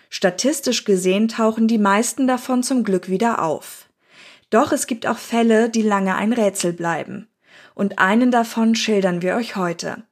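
A woman podcast host presents in a prepared, scripted way. Her voice sits at a middle pitch for a woman.

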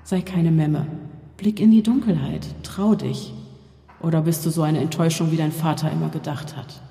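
Narrator voicing a cruel taunting voice from the dark. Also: medium pitch, fairly even intonation, moderate pace, creaky, lightly acted. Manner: mocking, then coaxing and seductive. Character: sinister male voice from a dark shaft, cruel, taunting. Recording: long reverb with faint music.

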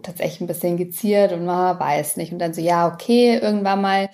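A woman in her late thirties co-hosts a podcast, speaking frankly with self-deprecating humor and laughing often. Her voice is fairly low and darkish, and she talks a little fast.

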